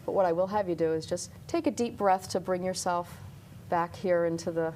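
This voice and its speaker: Woman, lowish voice, hypnotist, calm monotone delivery, faint room hiss. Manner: slow soothing even monotone guiding voice. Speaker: hypnotherapist guest. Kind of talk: guided visualization then casual chat. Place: TV studio.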